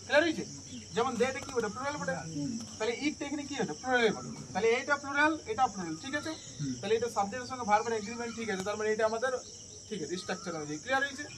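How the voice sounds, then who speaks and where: A male English teacher gives a grammar lesson in class, addressing students casually and familiarly, drilling them with repeated check questions and mixing English examples into everyday speech. His voice is very high-pitched and expressive, rapid-fire, and he sounds far from the mic. Loud background noise, including insects, fills the recording.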